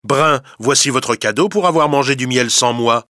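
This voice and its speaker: A man's voice: big pitch swings, moderate pace, bright, forceful tone, no echo, clean studio sound, full character voice. A man doing a sly scheming fox. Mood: mocking. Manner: honeyed, mocking, sometimes hissing low. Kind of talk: storybook reading.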